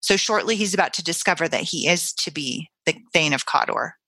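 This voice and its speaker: A woman co-host talks eagerly and excitedly about a play. Her voice is low-pitched yet forceful and bright, and it is recorded close and dry. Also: brisk, husky, dry recording. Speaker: podcast co-host. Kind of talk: casual literary discussion.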